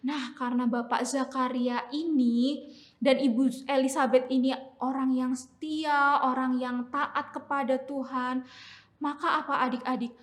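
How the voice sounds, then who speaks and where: Young female children's church teacher, high-pitched, coaxing, quizzing the kids through a sermon. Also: flat delivery, unhurried. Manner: coaxing, keeps asking the kids questions.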